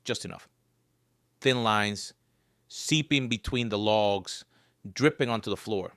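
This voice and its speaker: A man's voice: fairly low pitch, slow pace, fairly bright tone, smooth, no echo, clean studio sound. A man telling a scripted first-person horror story with a wry, joking edge. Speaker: narrator.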